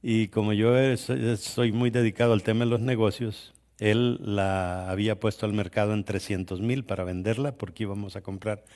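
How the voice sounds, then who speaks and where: A man's voice: on the low side, fairly even intonation, normal speed, few pauses, darkish tone. A middle-aged man from El Salvador, a guest pastor telling his life story in a sermon with a conversational manner and frequent restarts. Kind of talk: sermon testimony.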